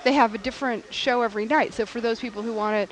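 Lady co-hosting local radio, going through the events list, dry little jokes, a bit high-pitched. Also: steady tone, fast. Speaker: radio co-host. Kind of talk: reading event listings and chatting.

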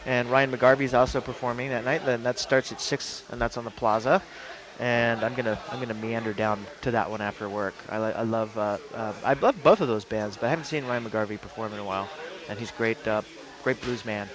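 A man's voice: medium pitch, a little fast. A man co-hosting a radio show, chatting loosely about local events with lots of fillers and jokes. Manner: rambling, joking, many fillers and restarts. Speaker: radio co-host.

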